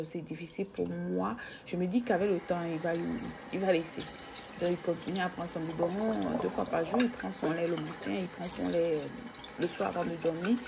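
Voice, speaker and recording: Woman from Equatorial Guinea, chatty home vlogger, low and a little gravelly, rambles straight to camera. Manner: chatty, rambling, talks to viewers directly. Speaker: vlogger and mother. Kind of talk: casual home vlog. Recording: noisy home recording.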